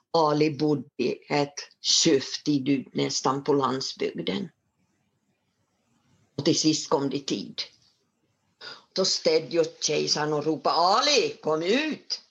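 Low-voiced woman telling a folktale. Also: highs cut off. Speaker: storyteller. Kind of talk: folktale storytelling.

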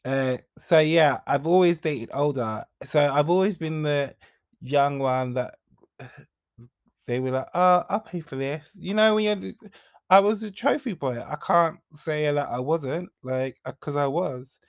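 A man's voice: fairly high pitch, lively intonation, unhurried, no room sound. A young man, hosting a solo podcast and talking frankly and chattily, with confiding asides and bursts of emphasis. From Jamaica. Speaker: podcast host. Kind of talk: candid solo podcast monologue.

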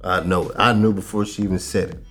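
A man's voice: low voice, fairly even intonation, fairly quick, a bit bright, faint music behind. A man in his thirties co-hosting a podcast, telling a long story in a laid-back, rambling way, with plenty of fillers and curses. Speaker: podcast co-host. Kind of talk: casual storytelling chat.

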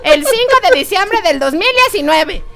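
Performer doing a squeaky goofy cartoon mouse, bright and bouncy, for a comedy radio bit. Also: female voice, lively intonation, normal speed, vocal fry, exaggerated voice. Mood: announcing. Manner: giggly, breaks into fake drunken wailing. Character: silly cartoon lab mouse sidekick, male, goofy.

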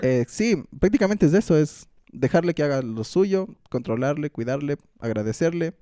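A young man who chats casually and swears constantly, breaking into laughter. His voice is dark and mellow, and his pitch swings widely. The sound is dry and close. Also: lively intonation, normal speed, smooth, no room sound. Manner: profane, laughs often, acts out quoted rants. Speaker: podcast co-host. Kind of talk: casual crude comedic chat.

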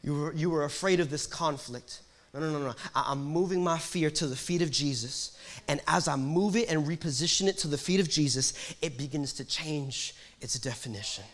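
A young man preaching a sermon as pastor, moving between hushed storytelling and loud, rising exhortation. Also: on the high side, moderate pace. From Puerto Rico. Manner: dynamic preaching with big swings from hushed to loud.

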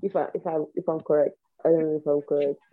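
A woman's voice: low voice, level tone, fast, slight background noise. A woman chatting casually and eagerly as a panelist in a discussion. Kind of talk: casual chat. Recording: tinny phone-like online call.

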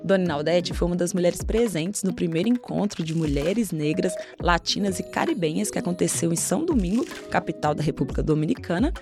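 A woman podcast host delivering scripted narration in a clear, measured way. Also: fairly low pitch. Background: background music.

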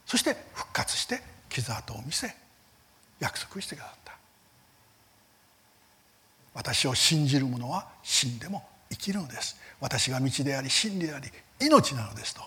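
A man teaching a church seminar, earnest and emphatic, asking rhetorical questions. His pitch sits in a middle range but moves in very lively swings, jumping up on key words. His line ends often soften to a near whisper. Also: moderate pace. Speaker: Bible teacher.

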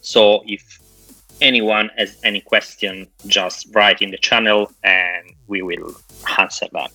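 Male moderator, very sharp tone. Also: lowish voice, fairly even intonation, slow, no room sound, soft background music, rough recording. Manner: non-native English, searching for words. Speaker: podcast moderator. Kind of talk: moderating a podcast panel.

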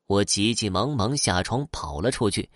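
A man narrating a folk tale in an expressive, lively storytelling manner. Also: lowish voice, moderate pace, dry recording, studio quality.

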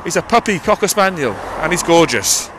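Speaking a little fast with lively intonation, this male vlogger has a voice on the high side. He rambles and corrects himself in an audio diary, cupping a handheld mic as he walks uphill beside a busy road, out of breath. Passing traffic sounds through the outdoor street recording.

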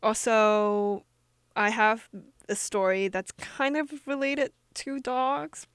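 A young woman co-hosting a podcast, chatting casually and telling stories in a giggly, animated way. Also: fairly high pitch, slow, clean tone, dry recording. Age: young adult. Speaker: podcast co-host. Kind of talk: casual chat.

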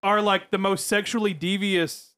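Brief: male podcast co-host, high voice, jokey casual banter. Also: flat delivery, moderate pace, a bit bright, clear, resonant tone. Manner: jokey, puts on silly voices. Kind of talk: casual chat.

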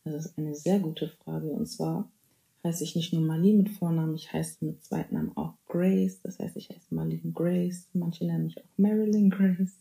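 A woman's voice: low voice, fairly even intonation, normal speed, vocal fry, warm tone, echoey room. A woman in her twenties hosting a casual solo podcast, chatty and playful, mixing German with English phrases and dropping in amens. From Germany (Bavaria). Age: 20s. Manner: praise interjections like amen and hallelujah. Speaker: podcast host.

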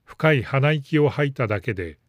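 A man reading a story aloud in a calm, measured narration. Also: mid-range voice, no echo. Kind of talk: scripted narration.

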